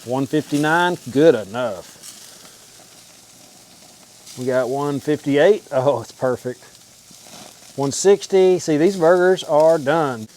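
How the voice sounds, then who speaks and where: A man with a slightly high voice hosts a casual cooking vlog. He talks to the camera in a folksy, informal way while he works. Sizzling and frying food can be heard clearly behind him. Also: takes it slowly, long pauses, a little mellow, a little hiss or hum. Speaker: host of a home cooking vlog. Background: food sizzling on a grill.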